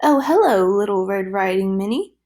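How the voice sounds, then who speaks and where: A woman voicing a sly scoundrel man who squeaks in a high, funny voice while disguised as a grandmother in a storybook. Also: lively intonation, moderate pace, mellow, lightly acted. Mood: squeaky. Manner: gloating cackle.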